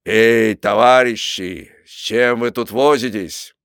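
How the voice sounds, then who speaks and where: A man doing a hearty loud ship's cook. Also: medium pitch, slow pace, smooth, no room sound, clean studio sound.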